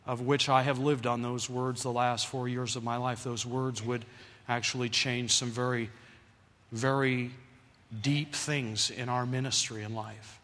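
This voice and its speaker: A man preaches a sermon in a large, echoing room, spinning a story and urging the congregation to call back to him. His voice is mid-range and a touch slow, and his delivery is animated.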